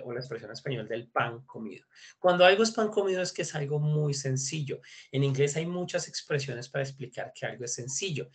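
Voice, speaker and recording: A man's voice: mid-range voice, a bit bright. A man teaching an online English class, chatty and mixing English phrases into his explanations. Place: video call.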